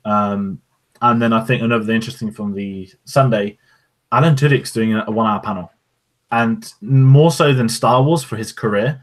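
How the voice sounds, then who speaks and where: With a low-leaning voice and normal speed, a man speaks as a podcast co-host on a podcast microphone. He chats casually, wandering from point to point and offering plenty of opinions.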